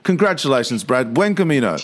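A man's voice: mid-range voice, very animated, brisk. A man hosting a podcast, interviewing a guest and closing the episode with enthusiastic thanks and plugs. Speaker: podcast host.

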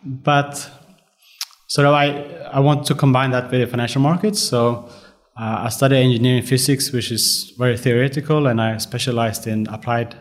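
A man in his forties, from Sweden, answering interview questions in a measured way, with many pauses and fillers. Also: medium pitch, steady tone. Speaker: guest fund manager.

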